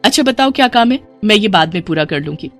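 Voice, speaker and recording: A woman's voice: mid-range voice, animated, fast, a bit bright, soft background music, lightly acted. A woman voicing a cheerful young daughter who loves drawing mehndi designs, speaking in a sweet, coaxing way.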